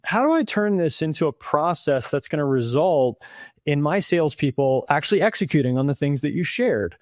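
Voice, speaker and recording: A man's voice: a little high, animated, no echo, clean studio sound. A man hosting a podcast, chatting casually and self-deprecatingly with his guest about sales. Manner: fast, self-deprecating, conversational. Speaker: podcast host. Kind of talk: casual interview talk.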